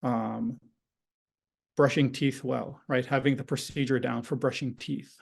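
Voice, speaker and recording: Over a video call, a parenting educator runs a conversational online workshop in an unhurried, fairly even manner. His medium-pitched voice is gravelly, slightly rough, and a little mellow. Hebrew is his first language, and he keeps checking in with "right?".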